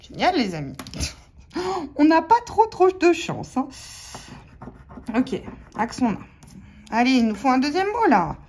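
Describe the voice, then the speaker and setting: A woman's voice: high-pitched, wildly swooping pitch, a little slow, pauses often, darkish tone, a little hiss or hum. A woman with a French accent giving casual, chatty commentary as she scratches lottery tickets, talking to her viewers and spelling out letters one by one. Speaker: scratch-card vlogger.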